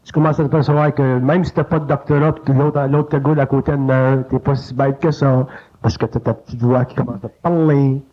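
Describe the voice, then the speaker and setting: A man with a Quebec French accent giving informal spiritual teaching, colloquial and animated, jumping up in pitch to mimic an inner voice. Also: a little fast. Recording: lo-fi digitized cassette tape.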